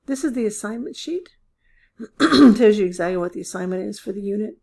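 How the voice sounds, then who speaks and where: Woman instructor, voice going hoarse, super gravelly and breathy, chatty walkthrough w lots of ums. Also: mid-range voice, a little mellow. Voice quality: gravelly, husky. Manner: casual, filler-heavy explaining. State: losing her voice. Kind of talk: recorded course walkthrough.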